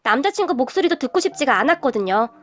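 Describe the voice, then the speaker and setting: Brief: young female narrator, high voice, steady confessional storytelling, faint music bed. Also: quick pace. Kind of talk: scripted first-person story narration.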